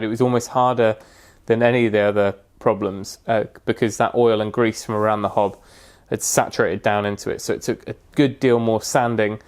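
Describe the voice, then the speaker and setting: A man with a fairly low voice talks through his work in an easygoing, practical way, filling his pauses with ums and uhs. He sounds like a hands-on tradesman recording his own how-to video indoors. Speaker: woodworking restoration vlogger. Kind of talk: casual how-to narration.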